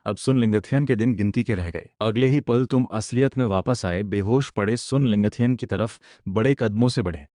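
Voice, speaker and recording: A man narrating a comic-style story recap in a steady, dramatic storytelling manner. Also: lowish voice, normal speed, hardly any pauses, dry recording, studio quality.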